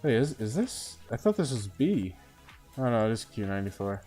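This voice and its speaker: A man's voice: mid-range voice, very animated, moderate pace, mellow, soft background music. A man giving casual live commentary as he streams a game, thinking aloud and often tagging on "uh" and "right?".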